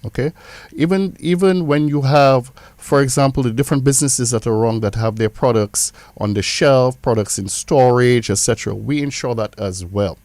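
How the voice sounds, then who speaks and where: A man's voice: medium pitch, darkish tone, dry recording. A man with a Caribbean accent explaining as an insurance representative, emphatically repeating phrases for stress. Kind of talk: explanatory interview talk.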